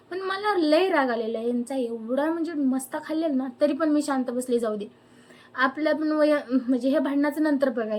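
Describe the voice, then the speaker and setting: A young woman ranting angrily to camera, firing off indignant rhetorical questions. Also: sits high. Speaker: vlogger. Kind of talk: angry personal rant to camera.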